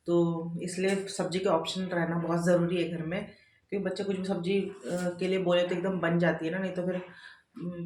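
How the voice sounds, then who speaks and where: Doing housework around her kitchen and rooms, a thirtysomething mother of two keeps up casual, repetitive chatter for her daily vlog. Her voice is on the low side with a darkish tone, and there's slight background noise.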